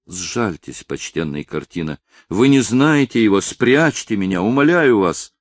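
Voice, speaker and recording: A man's voice: mid-range voice, expressive, normal speed, dry recording, pitched above the performer's own voice, natural voice. A man reading an audiobook voices a frightened fifteen-year-old peasant girl who pleads breathlessly to be hidden. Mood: pleading, frantic.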